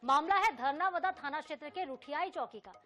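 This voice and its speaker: A woman anchoring a television news bulletin, reading stories formally and pressing a field reporter with brisk questions. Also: sits high, animated, fairly bright tone, dull audio, soft background music.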